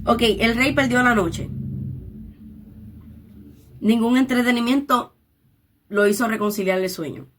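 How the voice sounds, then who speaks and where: A woman's voice: on the high side, a little slow, long pauses, a little hiss or hum. A woman leading a Bible study, reading scripture aloud and explaining it in her own words, dropping in English interjections. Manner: reads scripture aloud and paraphrases it.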